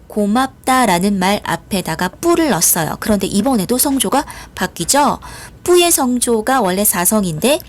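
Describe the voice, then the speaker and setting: Young adult female teacher, online class, animated sing-song pitch, patient and clear. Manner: patient, lively explaining with drawn-out model words. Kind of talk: online school lesson.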